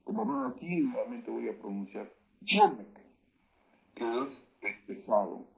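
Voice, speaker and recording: A man teaching words of an old local language, saying each word slowly and loudly and then explaining its meaning. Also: mid-range voice, very animated, vocal fry, muffled recording. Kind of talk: spoken vocabulary lesson.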